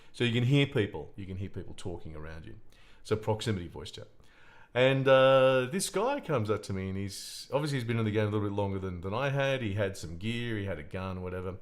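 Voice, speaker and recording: A man with a deep voice telling a personal anecdote in casual conversation, in a halting way with many restarts. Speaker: game design researcher.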